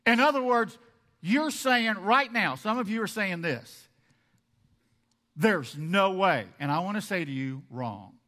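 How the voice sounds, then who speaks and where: A man preaching a sermon to his congregation, animated, acting out their objections and dropping from loud emphasis to quiet asides. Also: high voice, moderate pace. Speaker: pastor.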